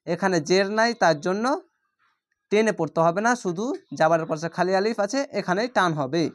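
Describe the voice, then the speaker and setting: A man teaching Quran reading, patiently spelling out each letter and vowel mark and then drawing out the Arabic words slowly. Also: sits high. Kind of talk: spelling-out Quran recitation lesson.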